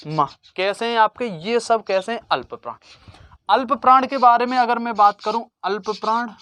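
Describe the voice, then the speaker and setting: Exam-prep teacher, mid pitch, question-and-answer drilling, dry recording. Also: no room sound. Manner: call-and-response, asks a question then answers it lower and softer. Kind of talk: exam-prep grammar lesson.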